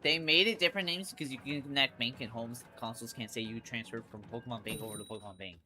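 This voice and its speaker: A medium-pitched, congested livestream host talks games at a quick pace, with music behind the voice. The chat is casual, slangy, and sweary, and he often repeats and restarts phrases.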